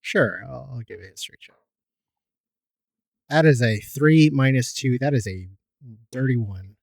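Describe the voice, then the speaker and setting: A man's voice: medium pitch, animated, a little slow, creaky, dry recording. A man playing a tabletop game, chatting and joking casually. His voice sits mid-range and is recorded dry. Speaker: player.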